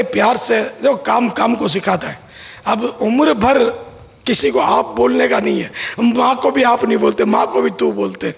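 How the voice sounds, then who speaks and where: A man's voice: high voice, creaky. A man giving an informal religious talk, telling anecdotes in a conversational way and acting out the lines he quotes. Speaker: religious scholar giving advice. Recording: dull lo-fi sound with long reverb.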